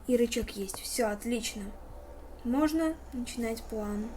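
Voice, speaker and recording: Unhurried and warm, this woman's voice sits on the high side as she casually comments on a horror game for her video, muttering her thoughts aloud. Game ambience and clear noise fill the recording.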